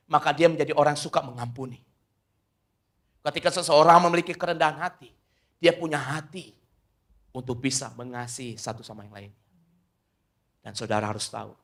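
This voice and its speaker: A middle-aged man preaching a sermon as pastor, swinging between loud emphatic lines and quiet asides, often calling the listeners "saudara". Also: mid-range voice.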